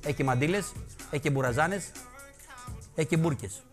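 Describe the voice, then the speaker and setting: A male TV host talks with a slightly higher-than-usual voice, delivering biting, sarcastic commentary. He rants in a lively, mocking way from a studio, with faint music under him. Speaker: TV show host. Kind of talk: satirical political commentary. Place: television studio.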